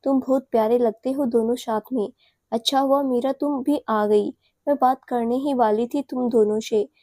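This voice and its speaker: A woman's voice: on the high side, steady tone, normal speed, warm tone, no room sound, clean studio sound, lightly acted. A woman voicing a kindly, amused middle-aged mother talking to her son and future daughter-in-law in an audio story. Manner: kindly, indulgent.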